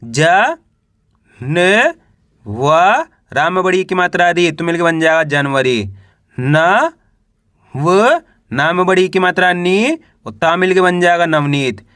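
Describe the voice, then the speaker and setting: High bright man teaching Hindi reading. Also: expressive, no room sound, clean studio sound. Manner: slow syllable-by-syllable spelling with drawn-out vowels; repeats "how will we read it?" drills. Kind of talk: online reading lesson.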